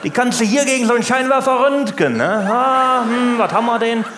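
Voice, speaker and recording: A comedian voicing a loud, blunt older working-class man who keeps tacking on short questions. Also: brisk, roomy sound, background noise. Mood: mocking. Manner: blunt, tag questions, jumps in pitch. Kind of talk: stand-up routine and prank call.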